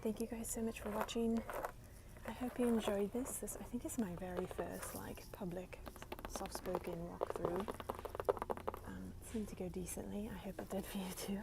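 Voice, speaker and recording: A young woman softly whispering through an ASMR walkthrough of a store, naming the items one by one on a handheld phone. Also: medium pitch, steady tone, normal speed, vocal fry. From United States. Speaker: ASMR creator. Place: inside a large retail store. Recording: loud background noise in a busy store. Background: store noise, people opening boxes.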